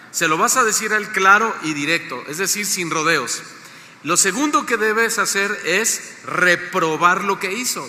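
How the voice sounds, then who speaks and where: Bright-voiced Mexican pastor in echoey hall. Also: male voice, sits high. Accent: Mexican Spanish. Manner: slow deliberate emphasis, questions to the congregation. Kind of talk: sermon. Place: church hall. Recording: echoey hall, faint noise.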